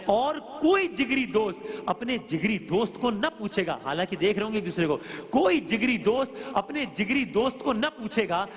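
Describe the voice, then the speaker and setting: A woman delivers a religious lecture, explaining scripture in an earnest, searching way. She often turns to her listeners with questions. Her voice rings with a long reverb, as if in a large hall. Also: fairly high pitch. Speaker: religious speaker.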